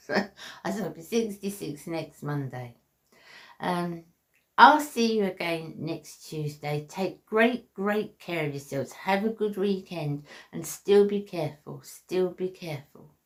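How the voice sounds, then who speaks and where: A beauty vlogger in her sixties talks earnestly and from the heart to her viewers in a casual vlog, with many ums and restarts. Her fairly low voice is animated and slow, captured by a basic camera mic.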